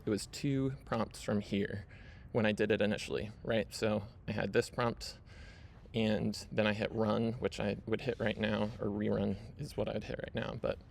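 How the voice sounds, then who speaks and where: A man with a lowish, creaky voice hosts his own video, casually guiding viewers through his screen. He leans on fillers and keeps adding "right?", and a little hiss or hum runs underneath.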